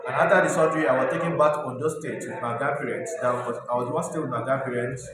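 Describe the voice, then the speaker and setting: A man's voice: mid-range voice, steady tone, fast. A Nigerian man earnestly telling his life story as an interview guest, speaking plainly. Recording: echoey room, distant mic, crowd noise.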